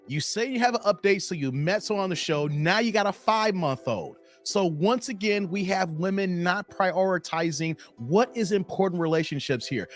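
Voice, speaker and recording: A man hosting a reaction commentary, lecturing in a preachy way and tagging "here" onto his phrases. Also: high voice. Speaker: commentary host reacting to a call-in show.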